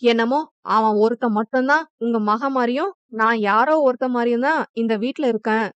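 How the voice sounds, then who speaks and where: A woman voicing a sulky young man who complains quickly and resentfully, on a dull lo-fi recording. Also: fairly high pitch, clean tone, dry recording, close to an everyday voice.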